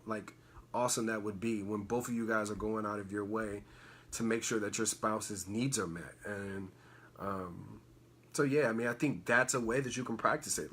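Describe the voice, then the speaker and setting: A man from Los Angeles co-hosting a podcast, giving advice in a relaxed, casual way full of fillers. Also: fairly low pitch, husky. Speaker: podcast co-host. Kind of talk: casual chat.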